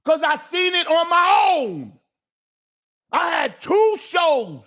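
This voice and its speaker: A high-pitched man hosting a call-in talk show. He rants with heat and emphasis, stumbling over restarts as he pushes his point. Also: sing-song, slow pace, bright, forceful tone. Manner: emphatic, fired-up ranting with repeated restarts. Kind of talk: casual chat.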